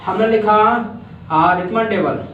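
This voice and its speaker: A man from India with a fairly high voice teaches a classroom grammar lesson. He patiently repeats each word and sounds it out syllable by syllable. The voice is picked up from a distance in a very echoey room and sounds dull and lo-fi. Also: a little slow, slight background noise. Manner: patient, repeats words and breaks them into syllables. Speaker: English teacher. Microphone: far from the mic.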